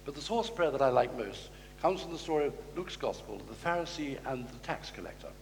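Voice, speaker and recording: Male preacher, mid-pitched, measured sermon delivery, long church reverb. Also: animated, a little hiss or hum. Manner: measured, slows down to quote scripture.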